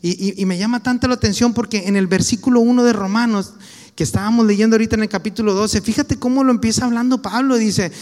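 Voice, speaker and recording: A man's voice: high-pitched, fairly even intonation, fast, darkish tone, long reverb tail. A man with a Mexican Spanish accent preaching a sermon in a conversational, anecdotal way, full of casual slang.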